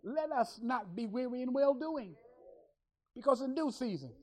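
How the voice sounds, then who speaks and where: A woman's voice: high voice, lively intonation, moderate pace, darkish tone. Emphatic woman preacher. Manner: repetitive, emphatic preaching with call-and-response. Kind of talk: sermon.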